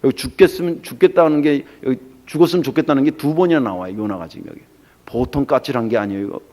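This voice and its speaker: A middle-aged male pastor preaching a sermon in a lively, storytelling way, acting out the voices in the story. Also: medium pitch, fast talker.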